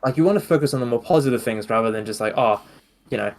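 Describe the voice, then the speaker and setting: A man's voice: medium pitch, rapid-fire. A man with a New Zealand accent hosting a casual podcast chat, rambling with many fillers and restarts. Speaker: podcast host.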